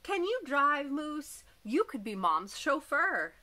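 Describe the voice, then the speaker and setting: A woman's voice: high voice, sing-song, unhurried, pushed and bright, voice pushed up, heavily acted. A woman voicing an eager, hopeful little boy in a storybook read-aloud, asking earnest, coaxing questions.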